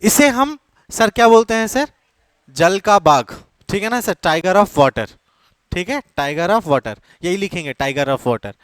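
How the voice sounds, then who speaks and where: A man's voice: high-pitched, expressive, slow pace, clean tone, no room sound. A man teaching an exam coaching class, repeating key terms and checking often that students follow, with English words mixed in. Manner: repetitive, keeps checking with students. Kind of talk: classroom lecture.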